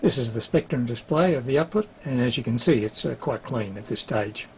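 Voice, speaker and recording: An animated, slightly fast mid-range voice belongs to an Australian man who operates and presents amateur television. He explains an unscripted technical demo in a matter-of-fact, hesitant manner. The recording is lo-fi and dull, carrying clear hiss.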